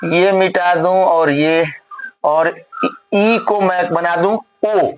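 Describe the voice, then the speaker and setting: A man's voice: sits high, fairly even intonation, extremely slow, poor audio. A male physics teacher solving a problem on the board step by step in a classroom lecture, often checking whether his students follow.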